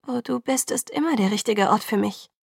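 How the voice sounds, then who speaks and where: A woman's voice: a little high, normal speed, gravelly, slightly rough, no echo, studio quality. A woman reading an audiobook, voicing a desperate young woman who pleads in a raised, rising voice. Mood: pleading. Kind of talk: audiobook character voice.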